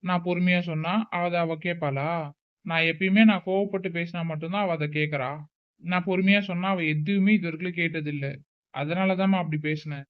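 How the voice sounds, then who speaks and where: Man as a bossy protective big brother, high scolding voice, tinny phone-like sound. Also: fairly even intonation, brisk, clear, resonant tone, close to an everyday voice. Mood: explaining, defensive. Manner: scolding, raised voice. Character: strict protective older brother.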